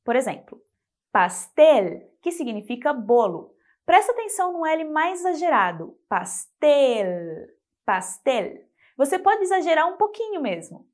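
A woman teaching a scripted pronunciation lesson, speaking clearly and slowing down to model example words. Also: high-pitched, sing-song. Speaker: Spanish teacher.

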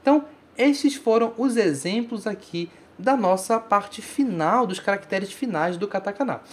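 Brazilian-accented language teacher, mid pitch, patient, repeats words for the learner in a recorded lesson. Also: animated. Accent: Brazilian Portuguese. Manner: patient, repeats example words slowly to model pronunciation.

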